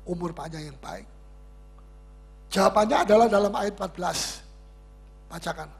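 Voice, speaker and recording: A man's voice: high-pitched, normal speed, vocal fry, breathy edge. A pastor leading a Bible study sermon. He speaks emphatically, repeats key words and answers his own questions, with touches of humor.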